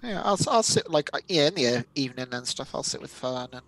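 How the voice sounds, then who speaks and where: Male tabletop player, gravelly fry, mid pitch, casual, hesitant and self-interrupting. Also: expressive, fast talker, a bit bright. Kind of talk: casual game chat.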